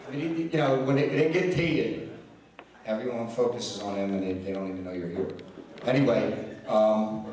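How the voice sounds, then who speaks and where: A man giving a rambling, self-deprecating roast speech, often restarting his sentences. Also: mid-range voice. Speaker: roast speaker. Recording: roomy hall mic from a distance.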